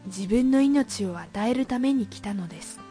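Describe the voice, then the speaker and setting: A woman voicing a gentle, patient male teacher of scripture, speaking slowly and calmly. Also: mid-range voice, faint music behind, lightly acted. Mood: calm, teaching.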